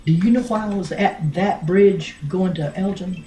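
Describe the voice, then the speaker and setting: An older grandmother telling a family story in a rambling, blunt way, with many pauses and restarts. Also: fairly low pitch, warm tone, a little hiss or hum. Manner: blunt, earthy, with mild swearing. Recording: roomy home recording.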